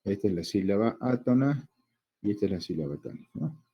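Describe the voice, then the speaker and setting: A man with a Peruvian Spanish accent teaching a grammar lesson, explaining step by step and checking in with frequent questions, drawing out words slowly to sound out their syllables. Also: lowish voice, lively intonation, slightly rough, lo-fi sound.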